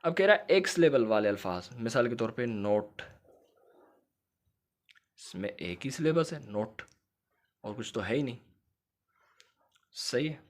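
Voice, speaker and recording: A man's voice: medium pitch, expressive, unhurried, pauses often. Guy with teaching shorthand, patient, repeats stuff and keeps checking you got it. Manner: explains patiently, repeats points and checks understanding. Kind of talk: recorded lecture.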